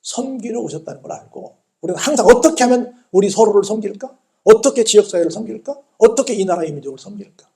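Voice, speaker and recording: Male pastor, high voice, Sunday sermon, rhetorical questions, hallelujah calls, swelling and dropping loudness. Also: expressive, fast talker. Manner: retells the story vividly with shifting loudness. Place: church sanctuary.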